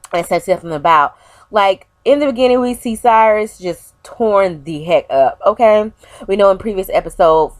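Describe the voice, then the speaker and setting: A young woman chats through a TV episode review for her vlog, animated and talking straight to her viewers. Her voice sounds a little stuffy from a cold. The recording is dry and close, with no room echo. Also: medium pitch. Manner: animated, chatty, addresses viewers as "you guys". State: stuffy, unwell. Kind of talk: casual chatty review.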